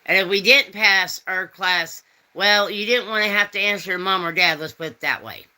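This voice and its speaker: A woman's voice: mid-range voice, normal speed, bright, forceful tone, poor audio. A woman in her fifties hosting a rambling, folksy live chat and answering viewers' comments. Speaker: host. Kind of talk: casual chat.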